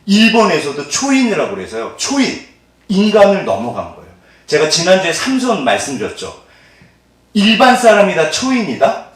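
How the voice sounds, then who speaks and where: With a high-pitched voice at normal speed, a middle-aged pastor animatedly preaches a sermon, putting call-and-response questions to the congregation and laughing a lot. The church sanctuary sounds echoey, with the mic placed at a distance.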